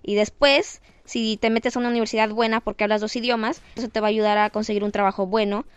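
A teenage girl with a Mexican Spanish accent, talking in a chatty, lively, self-mocking way in a casual vlog. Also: a little high, fast, clear, resonant tone, dry recording, highs cut off. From Canada. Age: teens. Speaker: vlogger.

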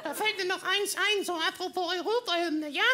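A man voicing a sharp-tongued female hippo puppet with cheeky, quick-witted backtalk on a carnival stage. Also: very high-pitched, some chatter behind, pitched above the performer's own voice, exaggerated voice. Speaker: ventriloquist's puppet.

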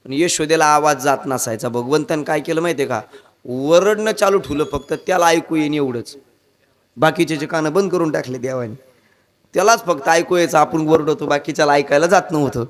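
A man telling a comic devotional story as a kirtan preacher, acting out the characters in raised voices. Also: brisk. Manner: animated, acts out characters with raised pitch.

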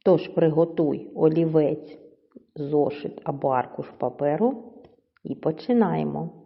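A woman teacher giving a slow, clear lesson to children, stretching words out syllable by syllable. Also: deep voice. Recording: dull audio with long reverb.

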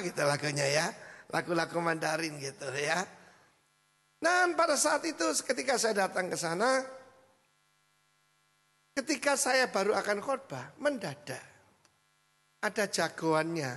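A middle-aged pastor tells a story in a sermon, high and gravelly. He speaks with a lively storyteller's manner and keeps turning to the congregation. His voice rings in a large church hall over a faint electrical hum. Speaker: senior pastor. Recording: hall reverb with mains hum.

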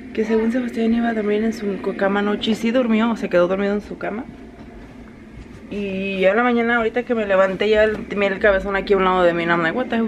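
A woman's voice: medium pitch, slight background noise. A young woman from Mexico, chatting casually in a home vlog, mixing Spanish and English and laughing often. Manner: switches between Spanish and English mid-sentence. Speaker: vlogger.

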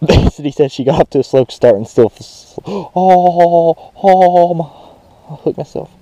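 A young man, vlogging excitedly while fishing at a rural pond, recorded on a chest-mounted action camera. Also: fairly high pitch, measured pace, dry recording. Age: young adult. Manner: excitable, shouts with joy over big catches. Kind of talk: casual vlog narration while fishing. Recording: faint outdoor noise, action camera.

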